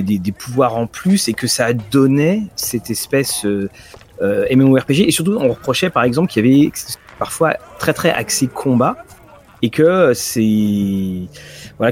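A man's voice: mid-range voice, slight background noise. A man with a mid-range voice hosts a casual conversation, often stumbling and repeating words as he builds up to a question. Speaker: podcast host. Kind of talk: casual chat.

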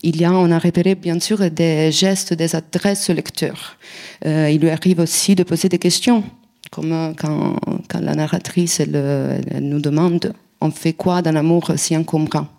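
A woman's voice: deep voice, steady tone, moderate pace, vocal fry, warm tone. A woman from a reading group explaining her group's observations about a novel, with frequent hesitations. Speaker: student reader asking a question. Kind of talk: prepared question with quotes read aloud.

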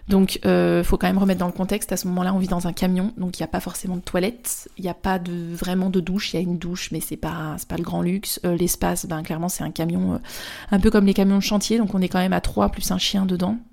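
Speaking fast in a warm, low voice with vocal fry and little pitch movement, a young woman from France shares a personal anecdote. She's a spiritual therapist and vlogger, and her telling is casual and rambling, peppered with slang, fillers and false starts.

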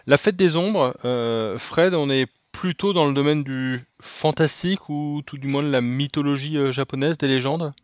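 A man hosting a radio discussion, relaxed and filler-heavy. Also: on the high side, normal speed, few pauses, no room sound, dull audio. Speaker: radio host.

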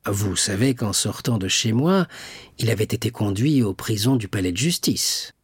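A man voicing a scheming, cold young royal prosecutor in an audiobook, smooth and guarded. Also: fairly low pitch, lively intonation, normal speed. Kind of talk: audiobook character reading.

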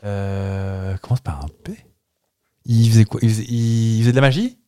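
A man's voice: lowish voice, moderate pace, mellow, clean tone, no echo, clean studio sound. A man co-hosting a casual podcast chat, playful and jokey, blurting out guesses. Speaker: podcast co-host.

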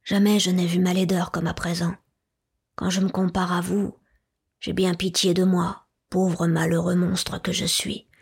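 A woman reading a timid deaf hunchback, breathy and hushed. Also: on the low side, level tone, measured pace, heavily acted. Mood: self-pitying. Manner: soft, hushed, often half-whispered. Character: deaf hunchbacked man, timid, sorrowful, humble. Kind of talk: audiobook reading of a classic novel.

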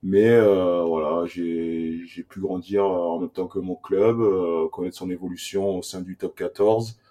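Interview guest: man, 30s, from Burkina Faso, dark mellow tone, halting delivery. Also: low voice, fairly even intonation. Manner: hesitant, many "euh" fillers and restarts. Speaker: guest, former rugby player. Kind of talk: casual interview answers.

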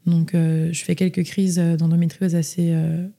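A woman's voice: on the low side, flat delivery, normal speed, gravelly, warm tone. A young woman telling her story as a podcast guest, chatty, with many fillers and restarts. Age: young adult. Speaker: interview guest. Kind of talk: casual podcast interview.

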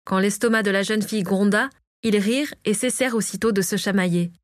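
A woman reads a storybook chapter aloud, calm and even, at a middling pitch. The recording is dry and close, with no room sound. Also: fairly quick, dry recording. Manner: reads all characters herself, lightly varying her voice. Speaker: audiobook narrator. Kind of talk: scripted storybook narration.

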